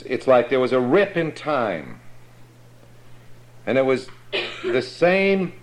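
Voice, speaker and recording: Speaking in a mid-range voice, a man leads a Bible class in the manner of a sermon. He explains things slowly and checks that his listeners are following.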